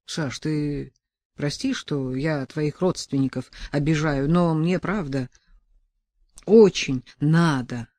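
A woman's voice: low voice, takes it slowly, mellow, no echo. A woman voicing an awkward, polite man who speaks in a subdued, apologetic way. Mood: calm.

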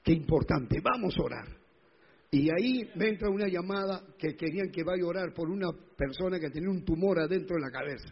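A male pastor telling a personal testimony in a sermon, emotional and rising to loud pleading. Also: fairly high pitch, expressive, brisk, slightly rough, highs cut off.

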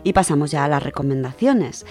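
Brisk and expressive, this low, slightly mellow-voiced woman from Spain chats with enthusiasm about books as a radio contributor, background music running beneath her speech.

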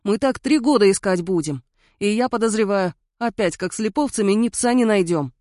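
A woman's voice: medium pitch, animated, brisk, mellow, dry recording, studio quality, close to an everyday voice. A woman reading a fretful young clerk. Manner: fretful, complaining. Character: fussy young male secretary, anxious.

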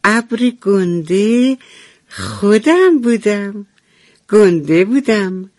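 A woman's voice: mid-range voice, no echo, studio quality. A woman voicing a cheerful, playful little cloud in a children's bedtime radio story.

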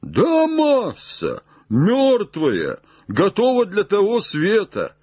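A man voicing an old male servant, simple and sly, calling down in high drawn-out shouts. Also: wildly swooping pitch, breathy edge, dry recording, dull audio, exaggerated voice. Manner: high drawn-out calls from far up a tree.

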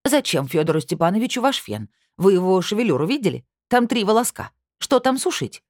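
A woman's voice: very deep voice, big pitch swings, fairly quick, darkish tone, dry recording, studio quality, exaggerated voice. A woman reading as a sly, gloating older woman. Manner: mocking, sly. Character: scheming older woman, gloating, sharp-tongued.

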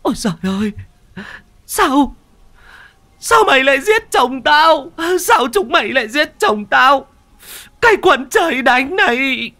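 A man playing a shrill, terrified old village woman. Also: big pitch swings, unhurried, pauses often, sharp tone, heavily acted. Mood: screaming grief.

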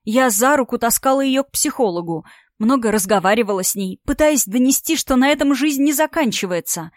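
A woman's voice: a little high, expressive, brisk, no echo, studio quality, voice pushed up, close to an everyday voice. A woman voicing a tearful, distraught young woman who sobs and pleads with a trembling voice in an audiobook story. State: crying. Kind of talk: audiobook character voice.

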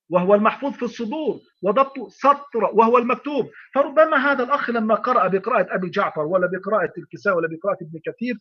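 Egyptian male sheikh, quick emphatic lecturer, repeats himself, dull online recording. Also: very high-pitched, breathy edge. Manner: emphatic, repeats phrases, rhetorical questions. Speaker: sheikh teaching Quran readings.

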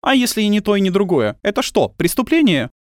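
A defiant woman in a spoken story pushes back against her interrogators, her voice pitched far up and shrill, as a male narrator puts her on. She sounds insistent and indignant. The recording is dry and close. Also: very animated, fast, no echo.

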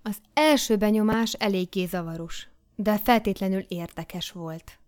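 A woman reading a memoir aloud as an audiobook, with measured and expressive storytelling. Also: medium pitch, clean tone. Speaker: audiobook reader. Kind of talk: scripted memoir narration.

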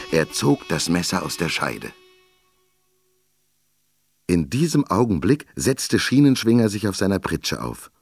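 A man narrating a children's story in an expressive, lively reading voice. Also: deep voice.

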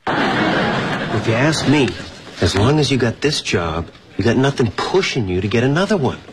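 A man's voice: medium pitch, very animated, normal speed, close to an everyday voice. An actor playing a young man handing out blunt, casual advice, in a noisy sitcom clip. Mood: matter-of-fact.

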